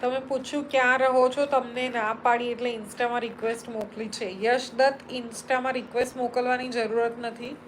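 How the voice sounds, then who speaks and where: A woman's voice: a little high, flat delivery, normal speed, few pauses, a little hiss or hum, poor audio. A Gujarati woman hosting a live stream, chatting casually as she reads viewer comments aloud and answers them one by one. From Gujarat, India.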